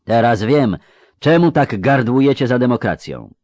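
A man's voice: mid-range voice, expressive, a little mellow, dry recording, lightly acted. A man reading an audiobook, voicing a haughty nobleman conspirator who drags out his syllables. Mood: sneering. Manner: drawn-out syllables. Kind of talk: audiobook character voice.

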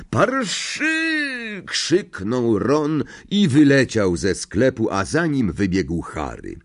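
A man reading a children's fantasy novel aloud as the audiobook narrator, with expressive, varied storytelling. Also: medium pitch. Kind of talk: scripted narration.

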